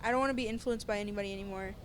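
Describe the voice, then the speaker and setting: A woman's voice: medium pitch, steady tone, racing, a little hiss or hum. A woman talking earnestly and hesitantly in a casual podcast chat, often searching for her words.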